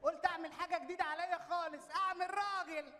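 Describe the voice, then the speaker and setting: A man's voice: very high-pitched, fairly even intonation, fast talker. An actor playing a clownish male brother disguised as a dangerous killer, speaking with mock menace and an Egyptian accent in a live stage comedy. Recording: live theater hall, audience noise.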